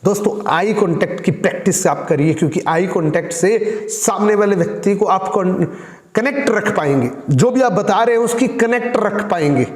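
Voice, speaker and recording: A man's voice: high-pitched, a little mellow. Male speaking coach, friendly lecturing tone, recorded with roomy echo. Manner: demonstrates tone by repeating the same lines in different ways; addresses listeners as friends, explains patiently. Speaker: communication skills trainer. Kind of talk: spoken training lesson. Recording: roomy echo with long reverb.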